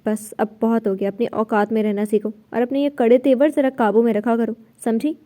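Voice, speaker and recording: A woman's voice: on the high side, fairly even intonation, mellow, natural voice. A woman voicing an angry, domineering young husband who threatens and bites off his words, in a storybook reading.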